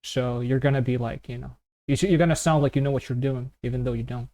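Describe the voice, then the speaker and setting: A man from Ukraine hosting and commentating a fighting-game tournament stream, relaxed and chatty. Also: mid-range voice, quick pace. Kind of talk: casual esports commentary.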